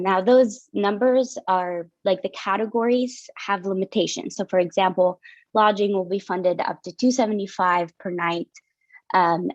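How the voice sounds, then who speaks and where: She's a young adult student finance officer from Syria, casually walking through funding policies on a video call and using lots of fillers. Her voice is mid-range, and the audio is dull and lo-fi but free of echo.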